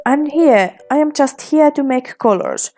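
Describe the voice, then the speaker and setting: A woman voicing a calm, humble male shopkeeper who gives kind advice in a game. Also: sits high, measured pace, soft background music. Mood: gentle. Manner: calm and gentle counsel. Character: humble kind young male color-shop keeper.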